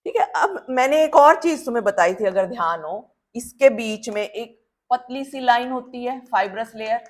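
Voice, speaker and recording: Female biology teacher, fairly high voice, quizzes the class and repeats terms slowly while she draws. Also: expressive. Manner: asks students questions and answers them. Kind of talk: classroom lesson with drawing.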